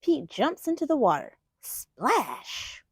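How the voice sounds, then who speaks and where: Reading a picture book aloud for children, this storytime host asks her young audience questions and reads expressively. Her voice sits high and is very animated, her pace is slow, and the studio-quality recording has no echo.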